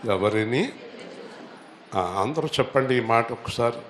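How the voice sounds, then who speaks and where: A male pastor preaching to his congregation. He asks them questions, has them repeat lines and rises to loud, high exhortation. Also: animated, slow pace, slight background noise. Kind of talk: Telugu church sermon. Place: church hall. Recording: echoey church hall.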